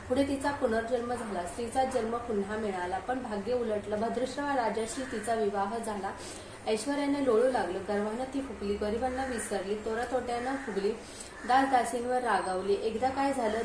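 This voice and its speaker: A woman from the Konkan reading aloud a devotional story in steady short phrases. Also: on the high side. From Konkan, India. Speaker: vlogger reading a ritual story. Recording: roomy room with ambient noise.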